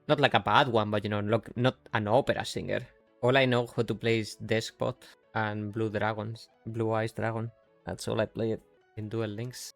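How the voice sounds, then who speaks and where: Streaming a game, this Yorkshire-accented man rambles in casual commentary, often cutting off mid-sentence. His voice is on the low side, with some vocal fry.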